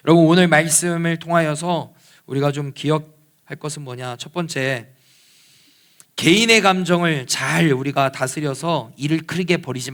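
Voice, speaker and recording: A man's voice: fairly high pitch, creaky, a bit bright. A man, a pastor, preaching a sermon with rhetorical questions and leading fervent prayer in church. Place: church sanctuary.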